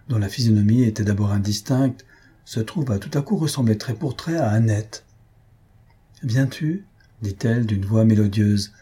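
Male narrator for a novel reading: deeply husky, warm-dark, steady and measured. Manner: measured, even storytelling. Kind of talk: audiobook narration.

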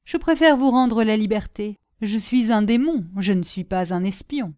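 A woman's voice: medium pitch, animated, moderate pace, a little mellow, dry recording, studio quality, natural voice. A woman reading a cold, scornful demon-cashier. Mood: cold menace. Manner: cold, cutting, sneering. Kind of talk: audiobook character reading.

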